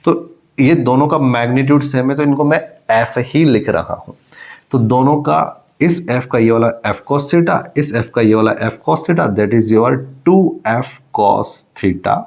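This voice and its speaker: A man's voice: medium pitch, a little slow, vocal fry, a little mellow. A man teaching a physics lecture, working through a problem step by step and calling his students "child" as he goes, with English math terms mixed into his speech. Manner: repeats key phrases for emphasis. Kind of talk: exam-prep blackboard lecture.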